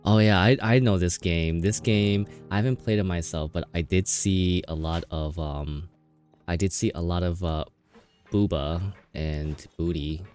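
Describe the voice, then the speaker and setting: A man's voice: sits low, fairly even intonation, measured pace, a little mellow, soft background music. A young man streaming a game, chatting emotionally with viewers and often restarting his sentences. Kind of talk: casual game stream chat.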